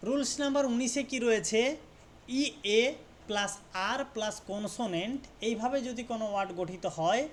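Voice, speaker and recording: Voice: mid-range voice, slight background noise. A teacher giving an English pronunciation lesson, repeating words and asking "right?" after nearly every point, sometimes stopping to correct a slip. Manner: repetitive, checks understanding with frequent questions; self-correcting, pauses to fix mistakes. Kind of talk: classroom lesson explaining spelling rules.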